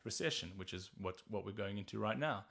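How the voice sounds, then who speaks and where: A man's voice: on the low side, expressive, a little fast, vocal fry, fairly bright tone. A man co-hosting a podcast, talking frankly and at length with casual swearing. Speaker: podcast co-host.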